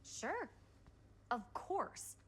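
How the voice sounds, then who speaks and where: A quick teenage girl filmmaker. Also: high voice, sing-song, a little hiss or hum, full character voice. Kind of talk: video game acting.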